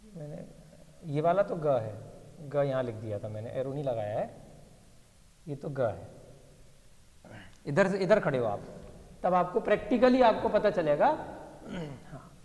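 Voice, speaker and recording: A man's voice: a little high, sing-song, normal speed, long pauses, a little mellow, big-room sound. A male teacher explaining an inscription to a class, thinking aloud and checking in with his students. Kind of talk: classroom lesson reading an inscription.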